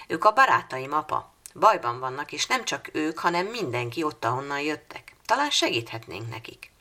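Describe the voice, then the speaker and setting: A woman with a low, creaky voice voicing an earnest, determined young girl in a storybook reading, in an eager, pleading manner. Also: very animated, sharp tone, full character voice.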